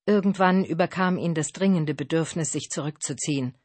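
Narrator for a historical audiobook, even and measured, recorded dry and close. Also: medium pitch, no echo.

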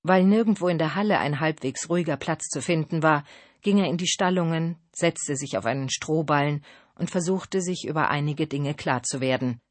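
Narrator for a historical audiobook, even and measured, recorded dry and close. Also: medium pitch, dry recording.

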